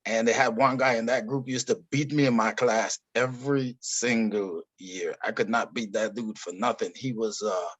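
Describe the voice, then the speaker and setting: A man's voice: fairly low pitch, steady tone, moderate pace, hardly any pauses, a bit bright, no echo. A middle-aged man with a Guyanese accent, a fitness coach telling stories in an easygoing, candid way as an interview guest. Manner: easygoing, candid, swears casually. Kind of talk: casual interview storytelling.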